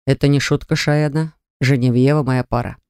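A stern male dragon, low and measured, spelling out each word with quiet authority, as a woman reader puts him on. The voice sits lower than the narration and sounds dry and close. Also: fairly even intonation, smooth, no echo. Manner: slow, measured and commanding. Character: stern male dragon, the calm elder brother.

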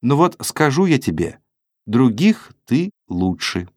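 A male narrator voicing a lazy, indifferent young woman who answers flatly and sleepily in an audiobook. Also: very deep voice, slow pace, no echo, clean studio sound, voice pushed up, heavily acted. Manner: flat, dismissive, yawning.

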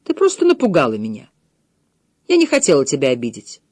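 A woman reading the lines of a hurried, apologetic young woman in an audiobook. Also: deep voice, wildly swooping pitch, a little mellow, no echo, exaggerated voice. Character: young woman, contrite sister.

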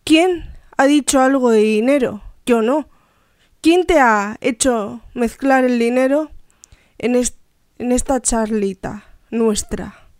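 A bullying, sarcastic police officer interrogating a suspect, as a woman reads his lines. The voice is high-set, slow and very clear, recorded close and dry. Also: darkish tone, no echo. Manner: menacing interrogation.

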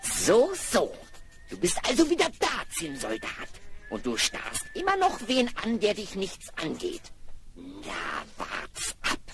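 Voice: medium pitch, wildly swooping pitch, slow pace, music in the background, heavily acted. An actor voicing a spiteful male goblin in a 1970s radio play, mocking and threatening. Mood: menacing.

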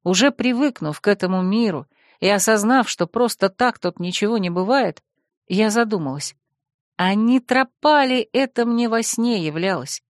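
A woman narrating a fantasy audiobook in first person, with a wry, lively storytelling manner. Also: medium pitch, normal speed, no room sound, clean studio sound.

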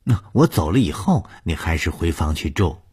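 A man's voice: low-pitched, big pitch swings, moderate pace, a little mellow, slightly rough, exaggerated voice. A man voicing the mistress of a household, coaxing and insistent, in a storytelling reading. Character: scheming lady of the house, a woman.

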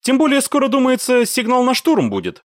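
A man voicing a brisk, commanding woman squad leader in an audiobook. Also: high-pitched, wildly swooping pitch, no room sound, clean studio sound, voice pushed up. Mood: bossy. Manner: bossy, no-nonsense.

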